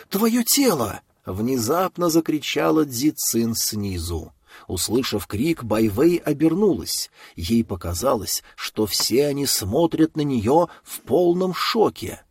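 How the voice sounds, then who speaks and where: Male audiobook narrator; husky tone, animated pitch, dry studio sound. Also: dry recording. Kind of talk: scripted narration.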